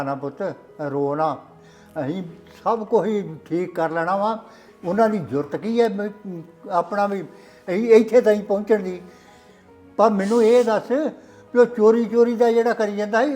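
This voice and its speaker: A middle-aged actor playing a consoling uncle who asks probing questions in a family drama. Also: male voice, sits high, unhurried, darkish tone, soft background music. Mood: concerned.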